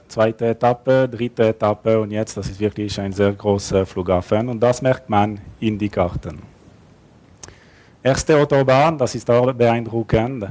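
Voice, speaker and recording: This conference speaker, a man whose mid-range voice has a darkish tone, presents with slides in a conference hall, picked up by a headset or lapel microphone. He stumbles through German as a non-native speaker, making grammatical errors, hesitating with fillers, and joking gently at his own expense.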